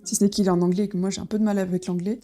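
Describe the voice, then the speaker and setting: Over faint, soft background music, a woman with a middle-pitched voice unboxes a board game and talks it through with a flat delivery. She speaks casually and haltingly, full of fillers and restarts.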